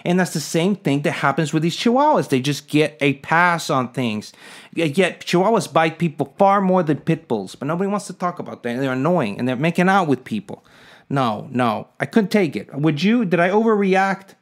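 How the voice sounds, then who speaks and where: A man speaks casually to the camera in a somewhat high voice. He rambles, sounds indignant and keeps asking his viewers to weigh in. He drops in jokey asides and little chuckles as he goes. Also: expressive, normal speed. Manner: indignant, rhetorical, asks the viewers for their opinion. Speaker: vlogger.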